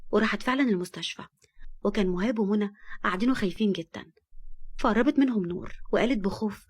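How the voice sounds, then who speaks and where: A woman with an Egyptian accent narrating a romance novel in a brisk, even reading. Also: medium pitch, husky. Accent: Egyptian Arabic. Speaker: storyteller.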